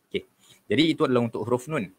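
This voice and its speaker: A male Quran teacher with a Malaysian Malay accent talks through a relaxed online lesson, patient and repetitive, dropping okey between short phrases. His voice sits at an ordinary middle pitch. The recording is dry and close, with almost no room sound. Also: no echo. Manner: patient, repeats letters and corrections, often says okey and tuan-puan; chants verses slowly when demonstrating.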